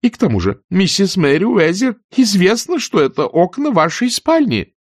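Male actor playing a fussy tearful elderly aunt, high and shrill, very lively pitch. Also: normal speed, no room sound, studio quality, heavily acted. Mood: scandalized. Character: fussy fluttery older aunt, easily tearful.

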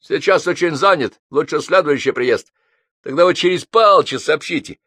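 A male reader voicing a terse foreign guest who speaks slowly and carefully. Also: on the high side, a bit bright, no room sound, voice pushed up.

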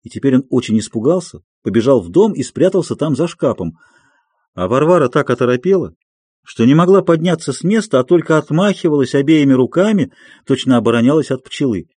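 A man reading a classic story aloud as an audiobook narrator, expressive and literary. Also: mid-range voice, brisk, husky, dry recording. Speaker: audiobook reader. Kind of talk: scripted narration.

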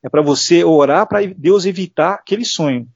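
A man's voice: a little high, moderate pace, gravelly, husky, no room sound. A middle-aged Brazilian man telling earnest personal stories as an interview guest, acting out the voices he quotes. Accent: Brazilian Portuguese. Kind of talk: casual interview testimony. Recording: dull lo-fi dry sound.

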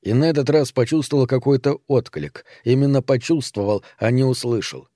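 A man reading an audiobook in a measured storytelling manner. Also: mid-range voice, dark tone, no room sound, studio quality. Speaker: narrator. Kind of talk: audiobook narration.

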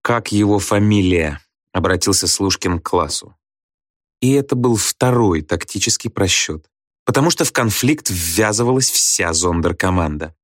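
A man narrating an audiobook in a vivid, expressive scripted reading. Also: low voice, moderate pace, dry recording, clean studio sound.

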